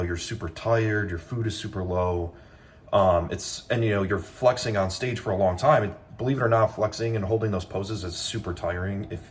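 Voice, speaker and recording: A man's voice: lowish voice, a little mellow, a little hiss or hum. A young man talking casually to camera in a bodybuilding vlog, a little out of breath, rambling with many ums and likes. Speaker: bodybuilding vlogger.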